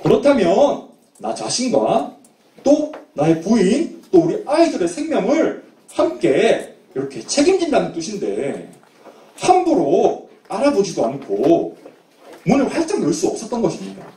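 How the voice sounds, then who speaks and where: A male children's preacher tells a Bible story with a high, swooping voice. His tone is mellow, and the room is echoey, with the mic set some way off. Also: measured pace, far from the mic. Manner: animated storytelling.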